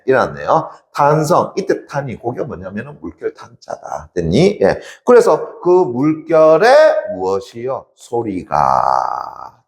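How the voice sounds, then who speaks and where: A man's voice: medium pitch, creaky, reverberant. A man teaching a literature class in a lecture style, asking rhetorical questions and answering them himself.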